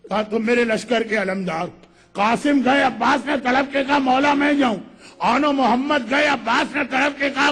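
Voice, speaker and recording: A man's voice: very high-pitched, a bit bright, slightly rough. A male religious orator delivering an impassioned mourning sermon, telling the story dramatically and voicing the figures in quotes.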